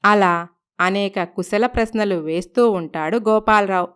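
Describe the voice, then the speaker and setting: A woman narrates a cartoon moral story. Her voice is smooth and clear. She reads steadily in a scripted storytelling manner. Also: mid-range voice, measured pace, a bit bright.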